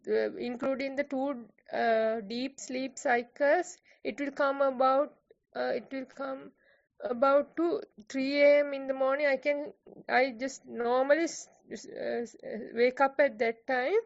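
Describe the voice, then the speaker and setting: High, gravelly Sri Lankan woman, hesitant. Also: steady tone, a little slow, no room sound. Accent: Sri Lankan English. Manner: hesitant, full of fillers. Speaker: participant asking a question. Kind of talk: questions on an online call. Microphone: video call. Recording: muffled, dry online call audio.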